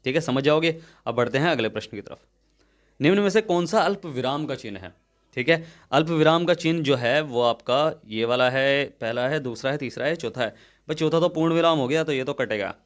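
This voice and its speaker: Young male teacher, patient step-by-step exam tutoring, mid-pitched voice, frequent check-ins with the class. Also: fairly quick. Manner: explains step by step, checks often with "ठीक है". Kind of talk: spoken Hindi grammar lesson.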